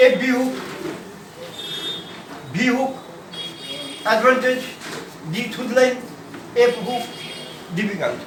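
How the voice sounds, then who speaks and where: A man teaching shorthand in a classroom style, pausing and repeating words as he writes out examples. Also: very high-pitched, noisy background. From India. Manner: halting, repeats words while writing. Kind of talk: classroom lesson. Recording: echoey room, mic far off.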